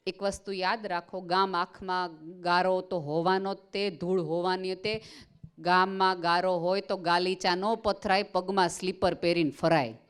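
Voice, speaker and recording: A woman's voice: fairly low pitch, clear, resonant tone. Woman giving an earnest seminar talk. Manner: earnest storytelling, acts out quoted voices. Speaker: parenting seminar speaker. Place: school seminar hall.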